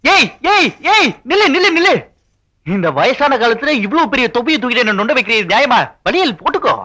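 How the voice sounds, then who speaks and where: An actor playing a forest officer in a 1980s film, talking in teasing, playful banter. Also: male voice, very high-pitched, expressive, fast, bright, forceful tone, heavily acted.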